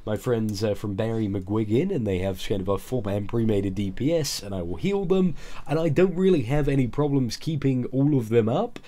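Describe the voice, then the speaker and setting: A man's voice: medium pitch, expressive, moderate pace, mellow. A man who sounds ill and a little groggy, giving casual, explanatory commentary on a video game. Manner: explanatory, informal. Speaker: gaming video creator.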